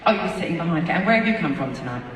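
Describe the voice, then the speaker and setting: A woman's voice: sits low, lively intonation, racing. Cheeky woman chatting from a concert stage. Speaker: singer performing a concert. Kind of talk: on-stage banter with the audience. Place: large indoor concert venue. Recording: distant echoey arena recording, loud crowd.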